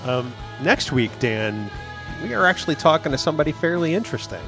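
A man's voice: on the high side, very animated, a little fast. A man co-hosts a podcast in easy, casual talk. He teases his partner dryly and steers the session. Faint music sits under his voice. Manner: dry, teasing, directs the recording. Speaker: podcast co-host.

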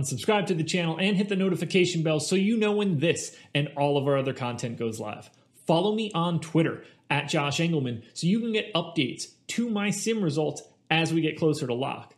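A man hosting a fantasy sports picks show, talking through stats and rankings in a casual, conversational presenter style. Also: on the high side. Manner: casual, conversational, stat-heavy delivery.

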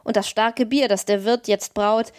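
A woman voicing a gruff, good-natured old male forester in an audiobook, with folksy, blunt talk. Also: mid-range voice, steady tone, moderate pace, a little mellow, dry recording, clean studio sound, close to an everyday voice. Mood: kindly. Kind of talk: audiobook reading.

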